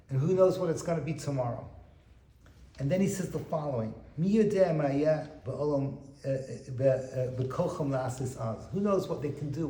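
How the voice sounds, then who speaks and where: A man giving an animated Torah lecture as a rabbi, quoting Hebrew texts and translating them. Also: a little high, reverberant, rough recording. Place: private home.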